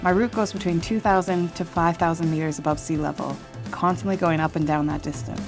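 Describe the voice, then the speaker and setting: A woman narrates her travel film as a vlog narrator, her low voice scripted and measured. The delivery feels reflective, with faint music playing beneath.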